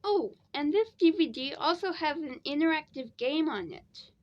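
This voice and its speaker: A woman's voice: high-pitched, lively intonation, moderate pace, muffled recording. A tired, sleepy woman rambling casually through a DVD review, repeating herself as she goes.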